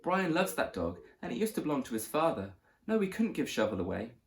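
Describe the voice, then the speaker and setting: A man's voice: mid-range voice, sing-song, fairly quick, voice pushed up. A man voicing a worried mother who pleads for her family, in a storybook reading. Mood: pleading.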